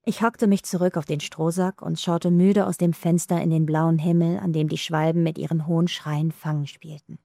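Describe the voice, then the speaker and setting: A woman narrates a first-person audiobook in a calm, measured, somber way. Her voice is low, dark and gravelly, and the recording is dry and close. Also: dry recording.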